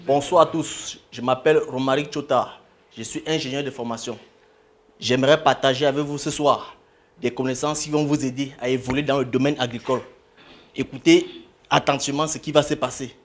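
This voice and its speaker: A man's voice: medium pitch, steady tone, a little fast, slight background noise. A man in a voice workshop, carefully rehearsing a short self-introduction. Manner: careful, rehearsed, a little hesitant. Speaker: workshop student.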